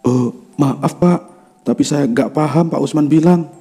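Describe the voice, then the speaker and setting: A man's voice: mid-range voice, a little fast, dark tone, slightly rough, faint music behind, voice pushed up, natural voice. A man voicing a young woman nurse who speaks politely and hesitantly. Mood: timid.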